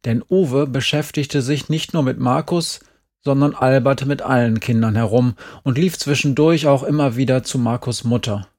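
A man's voice: mid-range voice, moderate pace, a little mellow. A man reading a first-person story aloud in a dry, understated way. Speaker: narrator.

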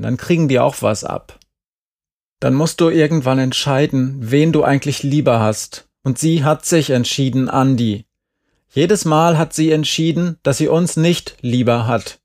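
A bitter teenage girl in an audiobook who speaks flatly and cuttingly, as a man reads her lines. The voice is gravelly and sits at an ordinary pitch, matter-of-fact even when the words hurt. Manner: flat, cutting delivery. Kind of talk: audiobook character reading.

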